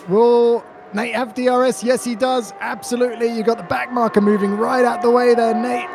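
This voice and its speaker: A man giving excited, urgent live play-by-play commentary on a sim race in short, clipped phrases. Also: high voice, noisy background.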